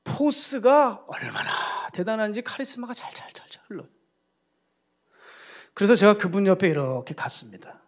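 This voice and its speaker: Animated storytelling male pastor. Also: sits high, moderate pace. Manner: animated storytelling, acting out quoted voices. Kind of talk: sermon.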